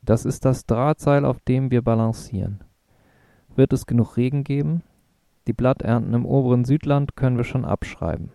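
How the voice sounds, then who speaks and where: Guy doing serious worried ecologist, flat facts, dark gravelly voice. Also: medium pitch, moderate pace, no room sound, clean studio sound, close to an everyday voice.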